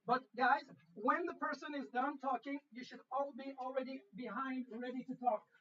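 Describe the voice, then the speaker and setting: A man with a high voice hurries a group of students through a rehearsal. His instructions are brisk and full of restarts. He is recorded from a distance, and the sound is dull and lo-fi. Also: fairly even intonation, sharp tone. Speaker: teacher coordinating a radio contact rehearsal. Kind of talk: instructing students, mixing Swedish and English. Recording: lo-fi, distant from the mic.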